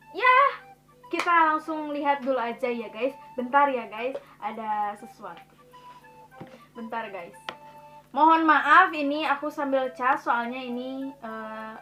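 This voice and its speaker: A woman's voice: sits high, fairly bright tone. A young woman chatting casually to camera as a vlogger, slangy and talkative, often laughing and calling her viewers guys.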